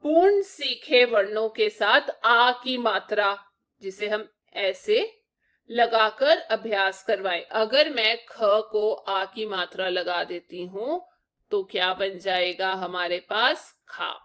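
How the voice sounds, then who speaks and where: A woman's voice: medium pitch, slow, fairly bright tone. A young woman teaching young children to write letters, explaining each step patiently and asking them questions. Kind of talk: children's Hindi lesson.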